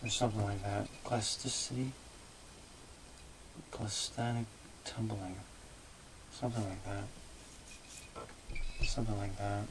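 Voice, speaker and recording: Man, low-pitched, slow, hesitant with fillers, noisy recording. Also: little pitch movement. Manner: halting, searching for words with many fillers. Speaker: remote viewer. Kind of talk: describing impressions in a session.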